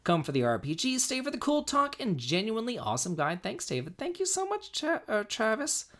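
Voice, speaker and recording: His high voice swoops wildly in pitch, brisk and fairly bright. He's an American livestream host in his forties, a bit tipsy, rambling, repeating himself, telling stories and reading chat in a casual stream.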